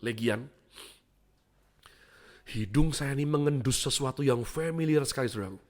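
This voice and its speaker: Lively preacher, loud then hushed. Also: male voice, mid-range voice, normal speed. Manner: lively preaching, swings between loud exclamations and hushed asides; keeps addressing the congregation as "saudaraku". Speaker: pastor. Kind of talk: sermon. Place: church.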